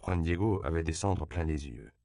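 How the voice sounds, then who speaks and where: A man reads an audiobook in a calm, measured way. His voice is very low and gravelly, with a dark, smooth tone. The recording is close and dry. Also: no room sound. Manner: measured, even storytelling. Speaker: narrator. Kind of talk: audiobook narration.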